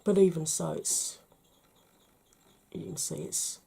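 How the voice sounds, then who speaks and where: A British woman talking through a makeup tutorial, chatty and playful, often dropping to a soft murmur. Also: low-pitched, fairly even intonation, takes it slowly, gravelly, slightly rough. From United Kingdom. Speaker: beauty vlogger.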